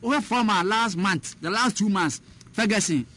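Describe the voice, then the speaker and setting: A man's voice: high-pitched, moderate pace, sharp tone. A man talking football as a pundit, switching between Twi and English, with frequent fillers and restarts. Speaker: sports pundit. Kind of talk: radio sports discussion.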